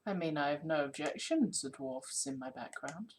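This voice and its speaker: A woman's voice: sits low, very animated, normal speed, creaky, a little hiss or hum. A woman chatting playfully and casually on her live stream.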